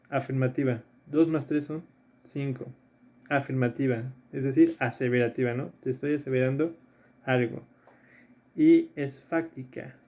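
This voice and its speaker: A male philosophy teacher with a mid-range, mellow voice leads a recorded remote lesson, going over exercises step by step. He repeats key terms and frequently checks in with "¿sí?".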